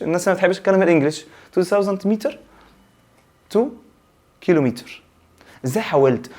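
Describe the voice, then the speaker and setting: In a fairly high voice, a young man teaches a science revision lesson in Egyptian Arabic, animated and teasing, slipping English terms into his speech.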